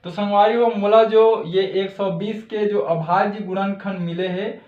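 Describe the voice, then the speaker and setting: A man's voice: high voice, fairly even intonation, measured pace, reverberant, lo-fi sound. A man with a Chhattisgarhi accent teaching a step-by-step math lesson, often checking in with "thik hai".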